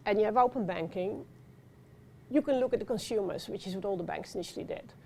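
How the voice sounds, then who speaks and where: A middle-aged Dutch woman with a Dutch accent speaking on a conference panel, animated, with many fillers and restarts. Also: mid-range voice, gravelly, slight background noise. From Netherlands. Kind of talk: panel discussion talk. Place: conference venue.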